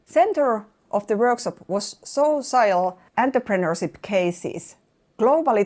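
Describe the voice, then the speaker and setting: A woman narrating a workshop overview in a measured, formal delivery. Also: mid-range voice, darkish tone. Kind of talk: scripted narration.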